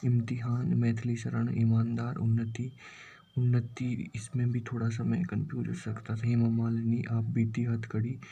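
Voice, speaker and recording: A man with a Rajasthani Hindi accent runs through lists of correct and incorrect spellings for an exam. His voice is dark and gravelly and barely moves in pitch, and he mutters some words under his breath. Faint noise sits behind the recording. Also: monotone, moderate pace. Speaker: exam coaching teacher. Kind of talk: exam-prep word drill.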